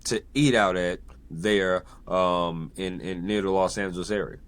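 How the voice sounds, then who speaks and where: Deep-voiced relaxed male podcast host. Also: measured pace, clean tone. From San Diego, United States. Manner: relaxed, many fillers and repeated affirmations. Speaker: podcast host and sports journalist. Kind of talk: casual interview chat.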